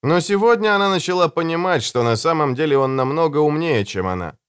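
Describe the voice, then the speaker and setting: A man narrating an audiobook with expressive, dramatic storytelling. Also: on the high side, brisk, clear, resonant tone, no echo, clean studio sound. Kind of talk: scripted narration.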